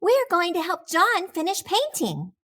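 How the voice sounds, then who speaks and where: A woman voicing a cheerful young girl cat in a storybook, high and bubbly. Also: wildly swooping pitch, unhurried, fairly bright tone, exaggerated voice.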